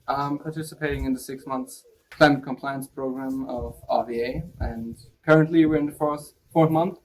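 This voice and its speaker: A man's voice: mid-range voice, fairly even intonation, normal speed, poor audio. A nineteen-year-old man from Germany introducing himself plainly as a program participant. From Berlin, Germany. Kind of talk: self-introduction.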